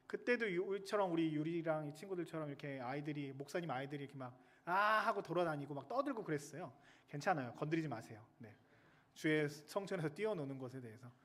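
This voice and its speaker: A male military chaplain preaching a sermon in a lively, chatty way, joking with the children in the pews. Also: a little high.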